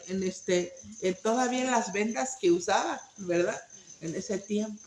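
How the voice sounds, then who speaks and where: A woman's voice: mid-range voice, echoey room, slight background noise, poor audio. A woman teaching an informal Bible study, talking conversationally with many fillers and tag questions.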